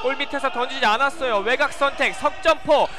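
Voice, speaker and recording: A man giving live basketball play-by-play, excitable and shouting when shots go in. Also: very high-pitched, a little fast, a loud crowd. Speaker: play-by-play sports commentator. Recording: loud gym noise behind the voice. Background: basketball court ambience, bouncing ball.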